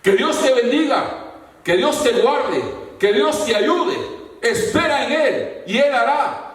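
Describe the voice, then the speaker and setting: A man with a very high voice preaches a fervent sermon and now and then rises to a shout. He stands well back from the microphone, and the room rings with heavy echo. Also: lively intonation, slow. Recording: very echoey room, mic far off.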